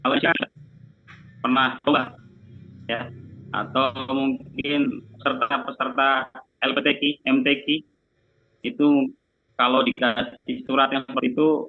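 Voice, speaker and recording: A man's voice: mid-range voice, level tone, a little slow, pauses often. Man on a crackly, cutting-out phone line. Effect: crackly phone-like line that keeps cutting out. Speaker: religious teacher answering committee questions. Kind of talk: online meeting Q&A. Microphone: video call. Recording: tinny, breaking-up phone-like call audio.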